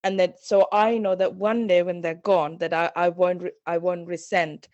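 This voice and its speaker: A woman's voice: lowish voice, level tone, normal speed, darkish tone, dry recording, muffled recording. Earnest woman from Sri Lanka, dry sound. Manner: reflective, earnest, repeats and restarts phrases. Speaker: guest, parenting coach. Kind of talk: podcast interview.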